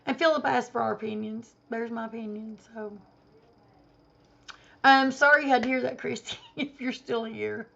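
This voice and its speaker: Hoarse and gravelly from a cold, a woman's slightly high voice delivers an indignant, emphatic opinion to the camera at normal speed. Her tone is steady, bright and forceful, though the lo-fi audio comes across dull.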